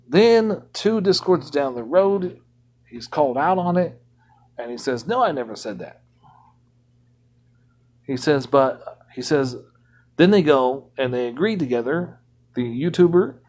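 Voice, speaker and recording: A man streams a game from his home computer and rants in casual, indignant commentary. His voice sits a little higher than most men's. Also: darkish tone. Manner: ranting, indignant.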